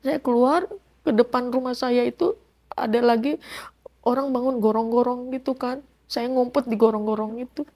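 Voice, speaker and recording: High-voiced woman telling her story. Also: normal speed. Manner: recounts events with quoted dialogue, animated. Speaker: interviewee. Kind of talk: emotional personal testimony.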